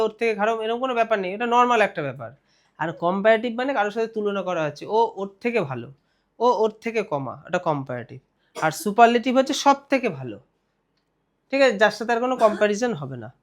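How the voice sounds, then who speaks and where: A man's voice: extremely high pitch, fairly bright tone. A young man with a West Bengal Bengali accent, teaching a grammar lesson for an exam. He keeps asking questions and answering them himself, drawing out the key words.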